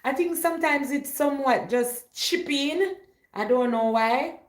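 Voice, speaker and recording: A livestream host with a high voice and measured pace chats playfully with her viewers from a room at home, rambling from topic to topic. The sound is roomy and echoey.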